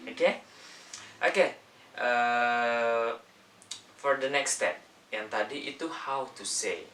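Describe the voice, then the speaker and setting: A man from Indonesia teaching an English lesson, saying words slowly one by one and mixing in English terms. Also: mid-range voice, pushed and bright, roomy sound, far from the mic, a little hiss or hum. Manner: slow, drawn-out word-by-word pronunciation drills. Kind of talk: casual spoken lesson.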